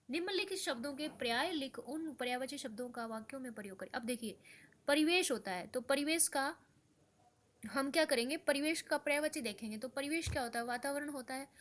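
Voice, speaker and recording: Patient Hindi teacher, higher woman's voice. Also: animated, brisk, a bit bright. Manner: patient, repeats words while spelling them out; mixes in English words and phrases. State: sleepy, late at night. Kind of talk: explaining a practice paper step by step.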